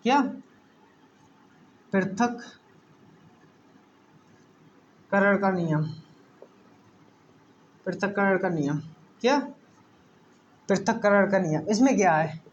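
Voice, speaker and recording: A man's voice: high-pitched, lively intonation, drawn-out words, pauses often, highs cut off, slight background noise. A man teaching a science lesson, often repeating words and asking the class questions. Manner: repetitive, asks the class questions.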